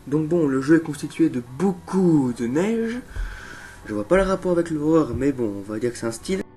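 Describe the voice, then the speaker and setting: A young man hosts a horror game review show, delivering casual scripted video commentary full of sarcastic, mocking asides. His voice is a little high and warm, with lively intonation at a normal speed, picked up by a distant mic over background music.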